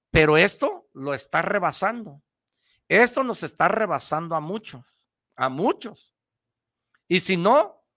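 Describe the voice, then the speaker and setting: A man hosts a motivational radio talk with a bright, forceful voice and a pitch that climbs and falls a lot. He talks slowly, repeating phrases and speaking straight to the listener. The sound is dry and close. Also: dry recording. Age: adult parent. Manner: preachy, repetitive, addresses the listener directly. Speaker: radio host giving motivational advice.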